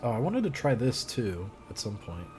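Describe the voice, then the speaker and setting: A man's voice: mid-range voice, sing-song, normal speed. A man casually commentating his gameplay, thinking aloud and muttering his plans as he goes. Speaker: gamer.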